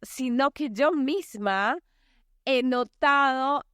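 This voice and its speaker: A woman's voice: high-pitched, very slow, a bit bright, clear, resonant tone, no echo, clean studio sound. A woman in her forties hosting a solo podcast as an anger coach, talking casually with many fillers. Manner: chatty, many fillers, acts out quoted voices.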